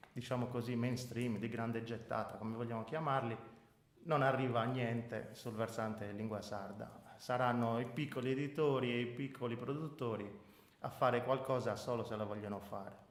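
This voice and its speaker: A man's voice: mid-range voice, steady tone, moderate pace. A man in his forties from Sardinia, answering as a guest in a radio interview in an emphatic way, often repeating his points for weight. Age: 40s. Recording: roomy echo.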